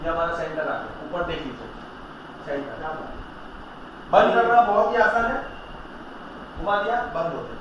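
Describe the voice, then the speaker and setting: A man shows off a laser leveler in a small tool shop, talking viewers through every step in a casual demo. His voice sits high and bounces around the room. The sound is a little dull with a faint hiss behind it. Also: normal speed, long pauses. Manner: explains step by step, keeps telling viewers to look. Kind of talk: casual product demonstration. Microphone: handheld camera filmed by another person. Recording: echoey room, slightly dull, faint noise.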